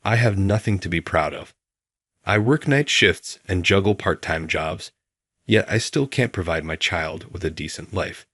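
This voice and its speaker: A man voicing a kind, humble older woman who speaks softly in a story. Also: low-pitched, normal speed, breathy edge, dry recording, studio quality. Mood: gentle. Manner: soft, gentle speech.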